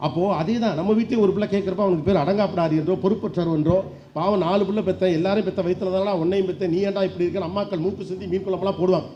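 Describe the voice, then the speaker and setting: A middle-aged man giving a lively motivational speech to an audience, firing off rhetorical questions and acting out voices. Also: high voice, racing. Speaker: public speaker. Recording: dull lo-fi sound with faint background noise.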